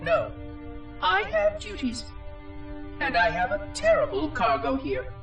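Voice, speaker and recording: Like a sci-fi video game log entry, a very high, synthetic, echoing voice belongs to an ancient robot caretaker, fussy and dutiful but curious and lonely, who enunciates precise, formal, theatrical phrases with sweeping intonation. His pitch swoops wildly in an exaggerated, unhurried voice that sounds doubtful and wistful. Music sits beneath the distant, echoing recording.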